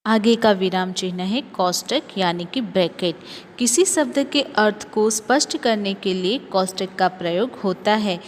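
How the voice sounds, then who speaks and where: Woman, school teacher, slow careful explaining, reads examples aloud, long reverb. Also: medium pitch. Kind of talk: school grammar lesson. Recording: long reverb, faint ambient noise.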